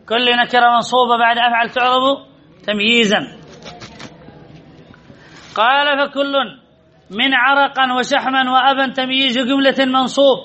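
Male teacher, very high and bright voice, classroom lesson, asks and answers his own questions, lo-fi recording. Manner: asks questions and answers them himself, repeats key points. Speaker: grammar teacher. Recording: dull lo-fi recording.

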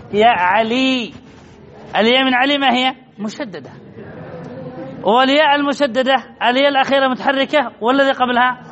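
A man with a strikingly high voice leads a grammar lesson. He quizzes his listeners and answers his own questions, repeating the key words. The recording sounds muffled and lo-fi, with a faint hiss behind him. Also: fairly bright tone. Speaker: grammar teacher. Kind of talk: classroom lesson on Arabic grammar. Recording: dull lo-fi recording with faint noise.

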